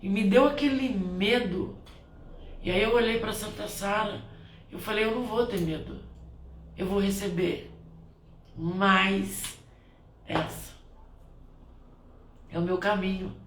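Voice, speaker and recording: A woman's voice: mid-range voice, slow pace, long pauses. Heartfelt woman sharing a spiritual reflection. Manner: heartfelt and rambling, with many restarts. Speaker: spiritual healer who performs blessings. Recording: roomy, distant from the mic, faint ambient noise.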